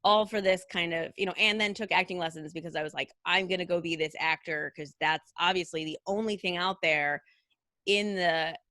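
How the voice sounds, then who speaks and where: A woman in her thirties, a costume designer guesting in a casual conversational interview, talks chattily with plenty of "like" and "you know." Her fairly low voice sounds pushed and bright at normal speed, recorded dry.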